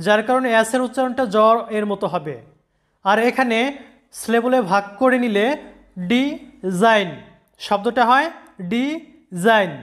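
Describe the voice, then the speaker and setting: A teacher giving a recorded pronunciation lesson, patiently repeating example words slowly and spelling out letters. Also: mid-range voice.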